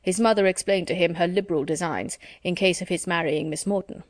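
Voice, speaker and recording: A woman voicing a pompous, self-satisfied middle-aged gentleman in a storybook reading, measured and formal. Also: on the low side, fairly even intonation, no echo, studio quality, lightly acted.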